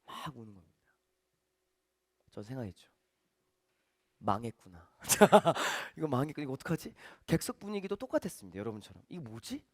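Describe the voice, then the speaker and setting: A man's voice: medium pitch, fast talker, no echo, clean studio sound. A man, a magician giving a stage talk, telling stories animatedly and acting out the dialogue. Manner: animated, acts out dialogue for the audience. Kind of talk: stage lecture storytelling.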